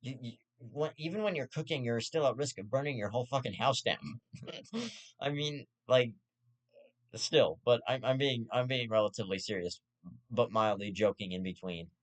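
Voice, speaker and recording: A man's voice: mid-range voice, moderate pace. A young man hosting his own show, ranting in profane, rambling casual commentary with stammered restarts and half-joking asides.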